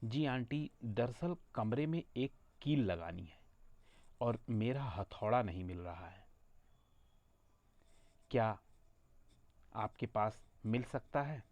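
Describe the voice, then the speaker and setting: A man's voice: fairly low pitch, animated, slow pace, pauses often, darkish tone, no room sound, muffled recording. A man voicing a polite young woman who speaks a little hesitantly to her older neighbor.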